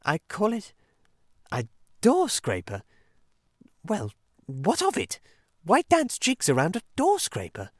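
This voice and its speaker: A man's voice: sits high, huge pitch swings, slow pace, pauses often, dry recording, studio quality, pitched above the performer's own voice, full character voice. A man voicing a fussy, pettish male mole who is stubborn and literal-minded, speaking in a prim, indignant way. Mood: puzzled.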